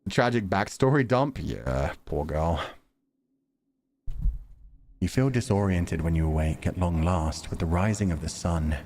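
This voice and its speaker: Low-voiced and lively in intonation, with a darkish tone, a man reads a visual novel aloud as dramatic narration during a livestream and chats casually about it. He reads in a measured, deliberate storytelling style. The audio has slight background noise, long reverb, and music behind him.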